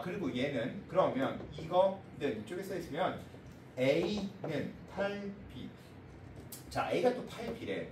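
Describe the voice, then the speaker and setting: Animated man teaching math in an echoey room. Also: high-pitched, background noise. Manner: brisk, checks in often with the class. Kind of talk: classroom lecture. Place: classroom. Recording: echoey room, heard from a distance.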